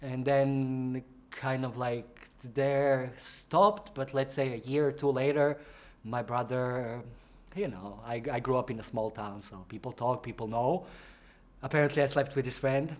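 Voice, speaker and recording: Taking his time with fairly even intonation, a young Croatian man who performs in drag answers an interviewer chattily. He playfully jumps into high voices when quoting others.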